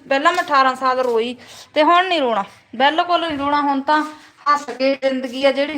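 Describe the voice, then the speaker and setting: A woman's voice: high-pitched, fairly bright tone, reverberant. A woman with a Punjabi Malwa accent, hosting a casual motivational live stream, talking earnestly and often asking her viewers "right?".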